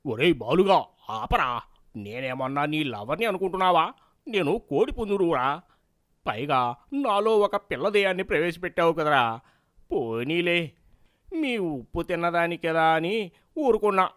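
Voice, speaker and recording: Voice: mid-range voice, animated, unhurried, fairly bright tone, no echo, studio quality. A performer voicing a cheeky male rooster in a storybook cartoon, grumbling and teasing in a scolding manner. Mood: teasing grumble.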